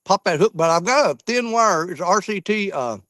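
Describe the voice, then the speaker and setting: Folksy Southern drawling man, fairly high voice. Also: animated, moderate pace, a bit bright, dry recording, clean studio sound. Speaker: fishing vlogger. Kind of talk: casual chat while fishing and eating. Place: outdoors on a small fishing boat.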